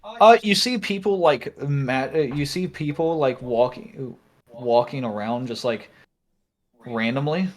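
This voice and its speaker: Hesitant man running a tabletop game. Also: mid-range voice. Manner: hesitant, halting, searching for words. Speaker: game master. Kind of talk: improvised narration of a tabletop fantasy game.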